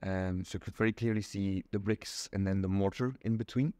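Here the young Belgian man's voice sits low and mellow, holding a steady tone while moving a little fast. As an interview guest in a small indoor room, he patiently explains step by step, filling the casual talk with ums, and there is no echo.

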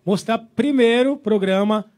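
A man's voice: high-pitched, normal speed, a little mellow, a little hiss or hum. A male DJ from São hosting a live show, hyping guests in slangy casual chat. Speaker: DJ and show host.

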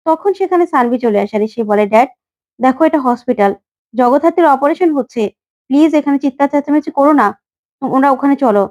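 A woman's voice: sits high, animated, fast talker, darkish tone. A woman retelling a TV serial episode, voicing each character's lines in her own voice.

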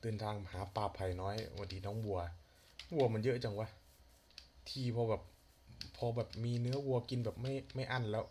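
A young man narrates his gameplay in a loose, chatty way, muttering to himself and blurting out quick exclamations. His voice sits fairly low. A faint computer fan hum and the clicking of a keyboard run underneath. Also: a little mellow. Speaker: gaming channel host. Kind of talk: casual let's-play commentary.

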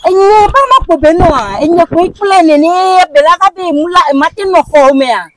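Woman playing a shrill scolding village mother. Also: brisk, poor audio. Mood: shocked. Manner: emphatic, repeats questions insistently.

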